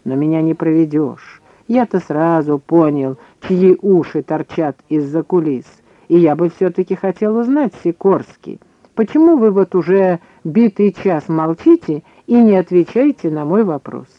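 Man voicing an irate old scientist, shrill, ranting, sarcastic, audiobook, dull lo-fi sound. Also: lively intonation, measured pace, dry recording. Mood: furious. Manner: ranting, venomous.

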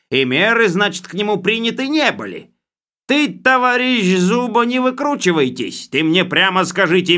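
A bossy, bellowing official, as a male narrator puts him on, raised high and loud as he hectors everyone in the room. His voice swings widely between bluster and indignation. This is an audiobook character voice. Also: full character voice. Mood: shouting.

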